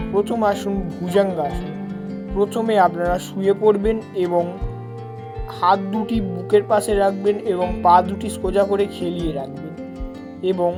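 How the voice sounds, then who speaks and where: A woman yoga teacher giving scripted, step-by-step instructional narration. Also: medium pitch. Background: plucked guitar music.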